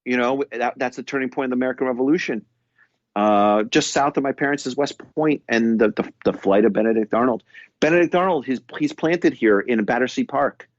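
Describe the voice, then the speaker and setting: Recorded in London with dull audio and no room sound, a podcast co-host from New York State talks briskly at a medium pitch. His New York accent comes through in a loose, meandering conversation where he keeps stammering and starting over.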